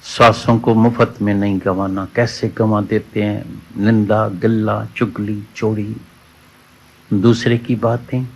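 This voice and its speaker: A man's voice: on the low side, level tone, unhurried, hardly any pauses, a little hiss or hum. A man giving a satsang sermon, preaching with repeated key words and quoted scripture lines, on dull lo-fi audio. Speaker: spiritual teacher. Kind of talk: Hindi satsang sermon with a told parable.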